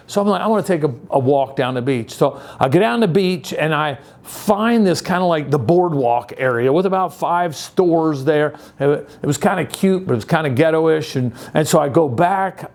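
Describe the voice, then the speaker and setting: A man's voice: fairly high pitch, a little mellow. Upbeat, folksy man in his sixties. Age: 60s. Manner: halting, repeats words and phrases for emphasis. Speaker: youth group leader. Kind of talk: casual motivational talk to youth.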